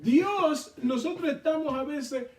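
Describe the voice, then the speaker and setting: A man leading a Bible study, reading scripture aloud and explaining it in an animated way to a responding group. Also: extremely high pitch, slow pace. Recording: echoey room, mic far off.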